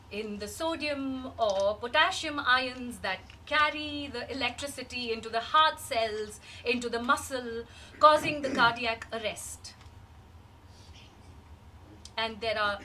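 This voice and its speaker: A woman playing a grieving, wistful woman in a rehearsed reading of a dramatic monologue, measured and halting with long pauses. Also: a little high, pushed and bright, exaggerated voice. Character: grieving woman recalling a dead loved one, wistful and searching. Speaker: actor in a rehearsed reading of a play. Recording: distant microphone, faint background noise.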